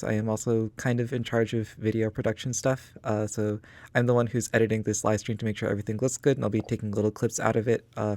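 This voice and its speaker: A young woman speaks in a low-key, matter-of-fact way, giving short plain answers and small asides in a casual group chat. Her voice is dry and close to the mic, with a lower pitch than her co-host. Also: dark tone, no room sound. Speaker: blog writer and video editor.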